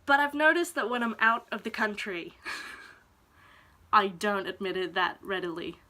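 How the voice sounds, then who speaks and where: A young woman from Denmark, talking in a personal vlog, hesitant and reflective, pausing often to search for words. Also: medium pitch, bright, forceful tone. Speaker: vlogger. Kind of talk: personal confessional vlog talk.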